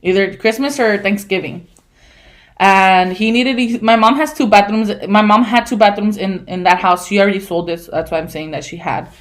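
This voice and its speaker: A woman in her twenties telling stories on a casual podcast, animated, laughing and swearing, with lots of fillers. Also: medium pitch, moderate pace. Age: 20s. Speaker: podcast co-host. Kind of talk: casual storytelling chat.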